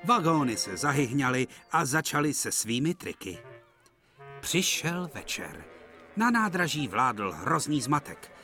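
A man narrating a cartoon storybook-style in an expressive way. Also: medium pitch, faint music behind.

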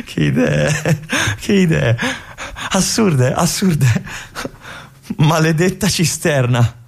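Brooding young Lieutenant Drogo. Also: male voice, on the high side, drawn-out words, pauses often, exaggerated voice. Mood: brooding, restless. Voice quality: husky, often drops to a whisper. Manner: introspective, swings between hushed musing and agitated outbursts. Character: young army lieutenant stuck in a remote fortress, restless and brooding. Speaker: stage actor. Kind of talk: theatrical monologue broadcast on radio.

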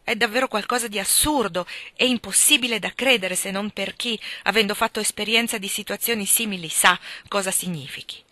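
A woman reading the lines of an impassioned young gentleman suitor who pleads insistently, rising to loud outbursts. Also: medium pitch, brisk, few pauses, dry recording, close to an everyday voice. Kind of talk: audiobook reading.

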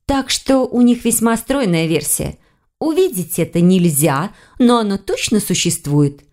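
In an unhurried delivery, a woman performs the part of a curious young woman in an audiobook, pitched a little above her narration and more animated.

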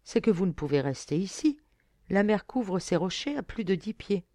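A woman's voice: medium pitch, expressive, normal speed, warm tone, no echo, lightly acted. A woman reading an earnest pleading fisher girl.

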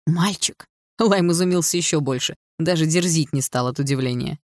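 A woman reading an audiobook in an even, storytelling way. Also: sits low, fairly quick, dry recording, studio quality. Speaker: audiobook reader. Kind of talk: scripted narration.

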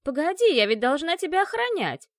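A sarcastic, drawling cat-girl, put on by a woman narrator for a storybook reading. Her voice swings widely in pitch and sits close and dry on the mic. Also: big pitch swings, normal speed, no echo. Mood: insistent. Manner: drawling, mocking. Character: sly sarcastic cat-girl guard, mocking, teasing.

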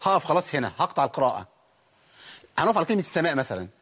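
A fairly high-voiced Egyptian man gives a recitation lesson at a brisk clip, throwing out rhetorical questions and drawing out sung example syllables. His voice is husky. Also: big pitch swings, fairly bright tone. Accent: Egyptian Arabic. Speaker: Quran recitation teacher. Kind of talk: colloquial tajweed lesson with recited demonstrations.

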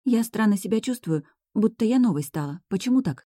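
A woman voicing an eager young girl who has just become a witch, asking excited, breathless questions. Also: medium pitch, fairly quick, dry recording, clean studio sound, pitched above the performer's own voice, lightly acted. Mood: puzzled.

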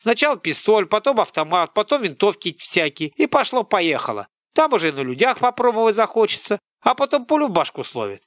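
A male reader voicing a shrill, superstitious older peasant woman who scolds and nags in coarse rustic speech. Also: very animated, brisk, few pauses, a bit bright, no echo, clean studio sound. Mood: nagging.

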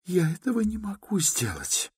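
A man reading an audiobook who voices a proud, quick-tempered young woman speaking softly and earnestly. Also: high voice, wildly swooping pitch, husky, no echo, clean studio sound, voice pushed up, exaggerated voice. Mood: indignant.

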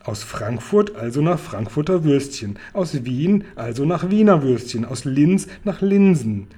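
A man's voice: fairly high pitch, sing-song, a little slow, warm tone, breathy edge, full character voice. A man reading a children's book aloud, voicing a small, clever, patient young girl who asks dry, level questions.

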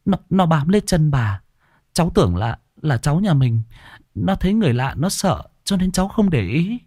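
A man voicing a terrified young tenant who stammers and pleads in a rushed, high voice. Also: steady tone, mellow, dry recording, clean studio sound, lightly acted. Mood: terrified pleading.

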